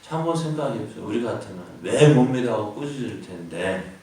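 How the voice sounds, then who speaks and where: A man's voice: medium pitch, lively intonation, brisk, a little mellow, very echoey, recorded from a distance, rough recording. A man preaching a sermon as pastor, often asking the congregation questions and answering them himself. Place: church sanctuary.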